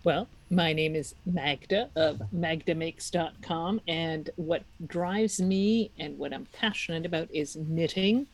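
A woman's voice: deep voice, measured pace, hardly any pauses. A woman, a guest on a podcast, talking in a chatty, self-mocking way and laughing often. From Czech Republic. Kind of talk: casual interview talk.

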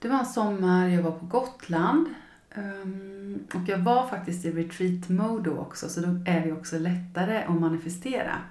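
Expressive woman talking in a roomy space. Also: fairly low pitch. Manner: emotional and expressive, acts out her own past feelings. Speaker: podcast host and coach. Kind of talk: personal podcast monologue.

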